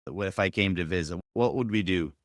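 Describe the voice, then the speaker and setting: A man's voice: low-pitched, brisk, dry recording, studio quality. A man hosting a podcast on a video call, asking questions in an encouraging way with frequent restarts. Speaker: podcast host. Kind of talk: casual interview chat.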